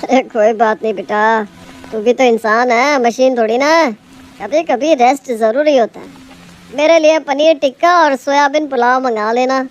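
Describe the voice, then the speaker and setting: A woman voicing a kindly elderly father-in-law who speaks gently and reassuringly. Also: high-pitched, moderate pace, highs cut off, close to an everyday voice.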